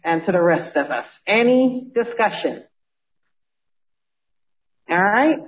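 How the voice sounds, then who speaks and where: A meeting chair running a public session in brisk procedural phrases. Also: mid-range voice, lively intonation. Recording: dull lo-fi audio.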